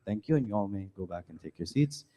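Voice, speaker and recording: A man announcing briskly and formally at a temple service, handing the program over. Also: fairly low pitch, expressive, dark tone. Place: temple hall. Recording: long hall reverb.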